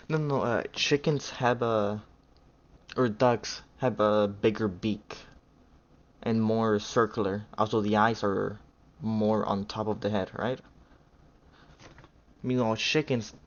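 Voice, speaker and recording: A man's voice: fairly low pitch, highs cut off. A man reacting to a video in casual, rambling talk, full of fillers and second-guessing himself. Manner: rambling, unsure, full of fillers and self-corrections. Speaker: reaction streamer.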